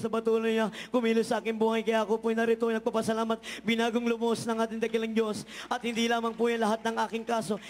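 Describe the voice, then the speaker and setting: A man giving a fervent church testimony, often repeating "mga mahal" and "hallelujah". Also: very high-pitched. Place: large church hall. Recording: hall reverb from church sound system.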